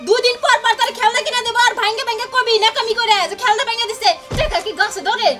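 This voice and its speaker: A woman's voice: lively intonation, fast talker. A woman playing a harsh, bitter village stepmother who scolds and threatens. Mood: scolding. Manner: shrill scolding, threatening, mocking. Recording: music playing under the voice.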